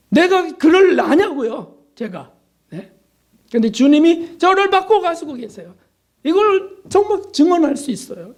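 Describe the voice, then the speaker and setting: Older guy pastor preaching, mellow dark voice, earnest, keeps asking the congregation questions. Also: extremely high pitch. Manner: earnest, rhetorical questions, prayerful asides. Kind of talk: sermon.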